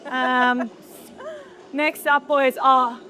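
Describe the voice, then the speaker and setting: A woman's voice: high-pitched, level tone, extremely slow, pushed and bright, a little hiss or hum. A woman bodybuilder in contest prep, chatting casually and swearing freely on a gym floor between sets. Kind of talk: casual gym chat and spotting.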